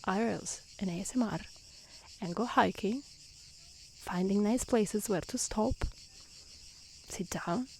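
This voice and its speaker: Outdoors among mountains, this streamer and storyteller with an Italian accent speaks soft-spoken ASMR reading and chat, calm and careful in her non-native English. Her gentle, medium-pitched voice is unhurried with long pauses, and the low-quality recording has a little hiss or hum.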